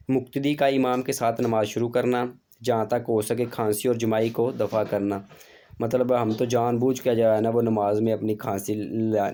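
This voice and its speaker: A man gives a religious lesson in a mellow, warm voice. He talks informally and repeats himself, leaning on fillers as he explains. His pitch sits in an ordinary middle range. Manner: informal, repetitive, with many fillers. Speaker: religious teacher.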